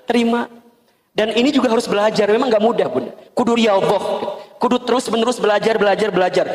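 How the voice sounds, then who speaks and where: A man with a Sundanese accent preaching a sermon, telling stories and acting out dialogues. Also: a little high. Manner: animated storytelling, acting out dialogues. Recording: echoey hall with long reverb.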